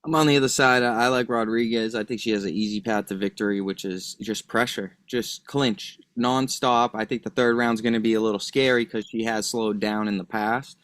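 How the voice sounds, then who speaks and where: A man's voice: on the low side, fairly even intonation, fairly quick, few pauses, fairly bright tone, no echo. Betting-analyst man on a dry mic. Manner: hedging, argues his picks with lots of "I think". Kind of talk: casual chat.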